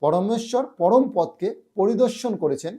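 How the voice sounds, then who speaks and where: A man with a slightly high voice teaches how to pronounce a prayer mantra. He stretches each syllable slowly and at times chants the lines in a melodic tune. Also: lively intonation, dark tone. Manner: slow, drawn-out syllable-by-syllable pronunciation. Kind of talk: explanatory lesson.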